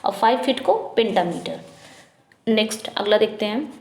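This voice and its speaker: A woman teaching an English exam prep lesson, reading questions slowly and explaining quickly in Hindi, asking and answering herself. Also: medium pitch, a little mellow, reverberant. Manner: repetitive drilling, asks then answers herself.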